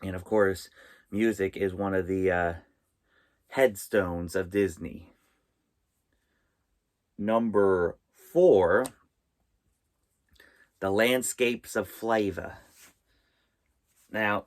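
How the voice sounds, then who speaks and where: A man with a low voice hosts his own vlog inside a small trailer. He talks slowly and haltingly, often pausing partway through a sentence as he presents his list. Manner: halting, with pauses mid-sentence. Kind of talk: vlog presenting, tips and top-five countdown.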